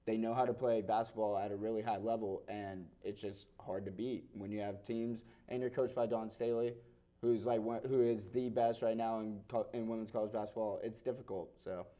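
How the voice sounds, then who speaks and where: A man's voice: fairly low pitch, flat delivery, fairly quick, mellow. A young man on a sports panel, laid back and full of fillers. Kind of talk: casual sports chat.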